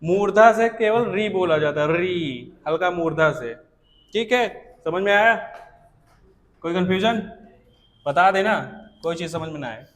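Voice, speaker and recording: A male teacher lectures a class in a high voice, saying each sound aloud to demonstrate it and stopping often to ask if everyone is following. His voice carries a long reverb off the hard walls of the classroom. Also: expressive, unhurried, long pauses, fairly bright tone.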